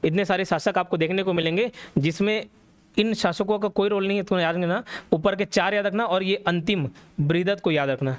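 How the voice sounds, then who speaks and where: A man's voice: sits high, brisk, clean tone, dry recording. A man teaching a classroom history lecture, telling the story and quizzing students as he goes. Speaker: exam coaching teacher.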